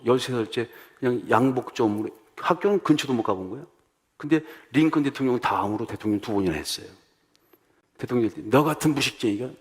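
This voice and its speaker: A middle-aged man preaching a sermon as pastor, telling stories with lively acted-out voices and rhetorical questions. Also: a little high.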